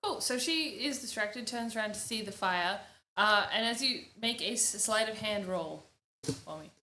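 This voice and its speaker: Australian woman game master, steady, bright voice, echoey room. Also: mid-range voice, moderate pace. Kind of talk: narrating a tabletop game.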